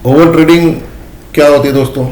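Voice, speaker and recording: A man's voice: fairly high pitch, steady tone, fast, a little mellow, reverberant. A man teaching a lesson, repeating his points and often calling his listeners friends. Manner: repetitive, addresses listeners as friends. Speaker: trading educator. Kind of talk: explanatory lesson.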